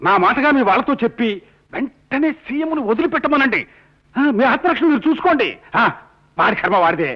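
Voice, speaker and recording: An actor playing an anxious male civil rights leader who speaks urgently and stammers, in dull lo-fi film audio. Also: extremely high pitch. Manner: urgent, hurried, stammers under pressure.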